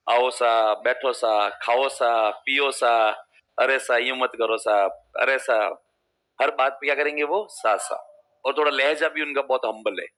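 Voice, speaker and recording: A man's voice: on the high side, sharp tone. A man teaching a class in a chatty lecture style, telling stories and acting out how people in different regions talk. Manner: chatty storytelling, acts out local speech.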